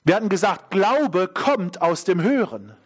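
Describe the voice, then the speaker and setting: A man's voice: sits high, big pitch swings, unhurried, slightly rough. A middle-aged man preaching a sermon, emphatic, repeating key phrases and asking the congregation questions.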